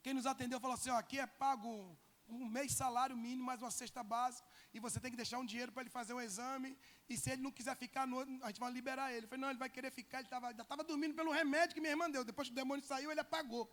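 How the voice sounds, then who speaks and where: High-voiced pastor telling a story. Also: male voice, steady tone, racing, in a large hall. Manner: emotional storytelling, swinging from loud to hushed. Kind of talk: sermon testimony.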